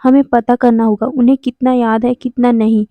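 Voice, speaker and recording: Woman voicing a calm formal male doctor. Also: on the high side, normal speed, no echo, natural voice. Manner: formal, soothing. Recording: dull lo-fi, dry sound.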